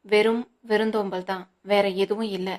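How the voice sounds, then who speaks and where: A woman's voice: mid-range voice, little pitch movement, moderate pace, darkish tone, lightly acted. A woman reading the lines of a composed, formal young man in a storybook, explaining himself evenly.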